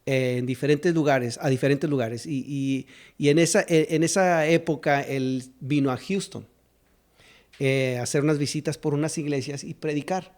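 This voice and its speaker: This guest, a South Texas pastor and singer-songwriter in his fifties, shares life stories conversationally with frequent fillers, restarts, and ready laughter. He speaks at a normal speed in a fairly high, darkish-toned voice.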